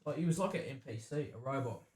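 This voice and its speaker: Australian podcast host in an echoey room. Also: male voice, medium pitch, fast, darkish tone. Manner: laid-back, swears, tells workplace stories. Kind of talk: casual pub-style banter.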